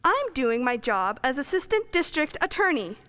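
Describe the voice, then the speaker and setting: A woman acts out a female prosecutor in a radio play. Her voice is very high and swings widely in pitch. She is brisk and assertive, quick to defend herself. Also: very animated, fairly bright tone. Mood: exasperated, defensive. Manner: clipped, assertive questioning. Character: brisk, defensive female assistant district attorney. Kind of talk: stage-style radio play acting.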